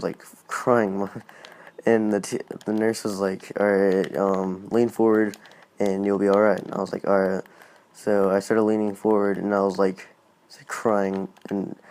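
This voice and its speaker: A man's voice: deep voice, darkish tone. A man hosting a gaming channel, telling a casual personal story in a rambling way, full of "like"s and restarts.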